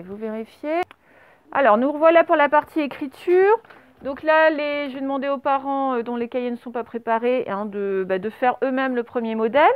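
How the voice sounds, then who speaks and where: A woman's voice: sits high, dull audio. A woman teacher giving a spelling dictation lesson to children on camera, patiently spelling words out letter by letter. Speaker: primary school teacher.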